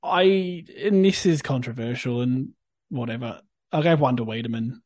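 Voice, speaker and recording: A man's voice: medium pitch, moderate pace, darkish tone, no echo, clean studio sound. An Australian man hosting a podcast, chatting casually and informally about sport. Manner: informal, conversational. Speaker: podcast host.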